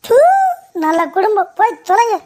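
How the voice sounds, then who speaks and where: An indignant male farmer, as a woman puts him on in a cartoon comedy. His voice is pitched very high. He makes loud, angry demands. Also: moderate pace. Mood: insulted.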